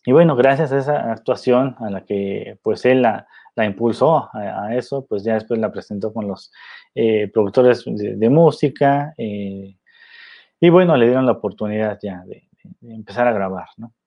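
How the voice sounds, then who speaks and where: A man's voice: on the low side, normal speed, vocal fry. Man, casual film commentary, rambling, lots of fillers, dull lo-fi sound. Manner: rambling, heavy on fillers and tag questions. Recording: dull lo-fi recording.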